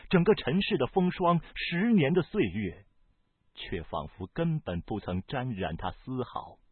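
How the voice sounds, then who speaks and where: Man, audiobook narrator, husky voice, lively expressive storytelling, tinny phone-like sound. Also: lowish voice, dry recording. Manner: expressive, varied storytelling delivery. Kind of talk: dramatic novel reading.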